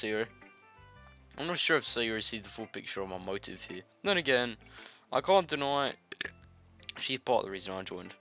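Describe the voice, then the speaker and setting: Reading visual novel dialogue out loud with his own asides, a video game let's-player jokes and giggles informally despite being congested and coughing from a nasty cold. He has a medium-pitched voice with a bright, forceful tone. Game music plays behind a dull lo-fi mic.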